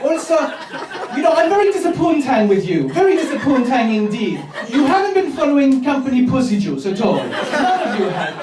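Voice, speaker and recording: A man's voice: very high-pitched, pitched above the performer's own voice. A comedian voicing a pompous, self-important German male sales manager who scolds his staff in a German accent. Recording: roomy club recording from far off, audience.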